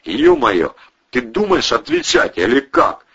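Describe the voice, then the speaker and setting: A man doing a blunt, gruff streetwise guy. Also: very deep voice, moderate pace, pushed and bright, dull audio, exaggerated voice. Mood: irritated.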